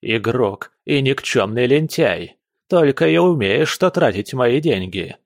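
A man's voice: mid-range voice, lively intonation, unhurried, no room sound, clean studio sound. A man voicing a stern, commanding aristocratic father at the head of his family.

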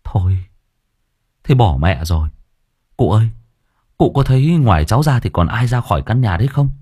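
A man reading an audiobook, voicing a rough but loyal young male vagabond who pleads frantically and stammers. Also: low-pitched, sing-song, a little fast, a little mellow, no room sound, studio quality, full character voice. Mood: panicked.

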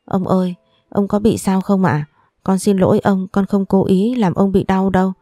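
A woman voicing a gentle, affectionate little boy in a storybook reading. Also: mid-range voice, fairly even intonation, moderate pace, no echo, clean studio sound, natural voice. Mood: tearful pleading.

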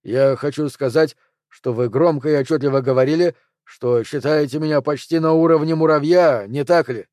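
Casting note: courteous, soft-spoken man, slightly raised voice, read by a male narrator. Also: on the high side, moderate pace, no room sound, clean studio sound, natural voice. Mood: polite. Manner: gentle, courteous. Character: calm polite [name] impersonator man.

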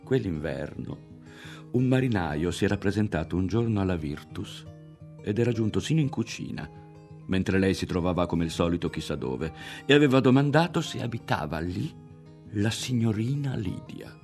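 Man, deep low voice, audiobook narration, measured expressive delivery, faint music behind. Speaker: audiobook reader.

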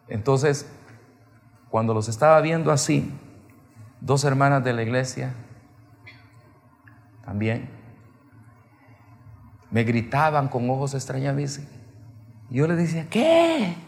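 Gravelly preacher in reverb. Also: male voice, mid-range voice. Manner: emphatic storytelling, swinging from soft to loud. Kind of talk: sermon.

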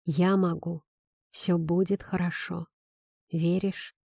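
A woman reading a romance audiobook, voicing a confident, coaxing male doctor in a soft, hushed tone. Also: lowish voice, normal speed, no room sound, clean studio sound, lightly acted. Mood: tender coaxing.

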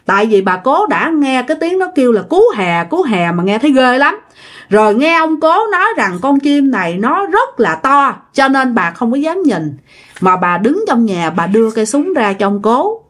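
A woman's voice: high voice, sing-song, normal speed. A woman telling a ghost story in a chatty, folksy way, speaking to the listener.

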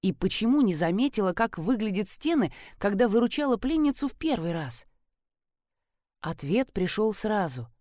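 A woman reads a first-person detective story aloud in a lively way, with wry asides. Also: medium pitch, normal speed, no room sound, studio quality. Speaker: audiobook narrator. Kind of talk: scripted first-person narration.

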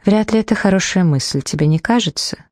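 A woman voicing a guarded, controlling adult sister in an audiobook, speaking calmly with a quiet, cutting condescension. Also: mid-range voice, brisk, no echo, clean studio sound, voice pushed up, close to an everyday voice. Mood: cold. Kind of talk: audiobook character reading.

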